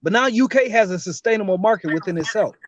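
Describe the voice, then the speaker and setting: A man's voice: high voice, expressive, fast, no echo. A man in a heated, casual sports debate, emphatic and argumentative, swearing and repeating himself, on dull lo-fi audio.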